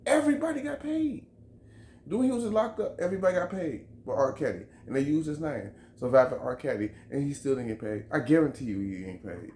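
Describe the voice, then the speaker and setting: A man's voice: a little high, lively intonation, a little fast, a little mellow, slight background noise. Heated man ranting in an echoey room. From Chicago. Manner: heated, emphatic, profane, repeats himself. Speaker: vlogger. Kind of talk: opinion rant to camera. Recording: roomy echo, faint background ambience.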